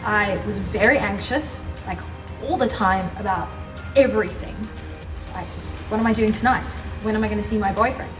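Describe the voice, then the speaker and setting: Speaking at a moderate pace in a mid-range voice, a young woman from South Africa tells her own story to a live audience as a guest speaker. She comes across as chatty and passionate, laughing frequently, picked up from far off in a roomy space with background music.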